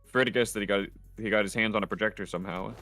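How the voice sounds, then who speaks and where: A man's voice: lowish voice, steady tone, rapid-fire, bright, forceful tone, soft background music. A man reading game dialogue dryly while playing on a livestream with friends. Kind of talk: casual livestream play with friends.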